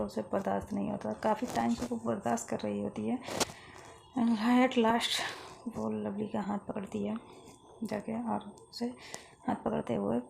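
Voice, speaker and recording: A woman's voice: mid-range voice, gravelly, dark tone, slight background noise. A woman casually retelling a romance story in a plain, conversational manner.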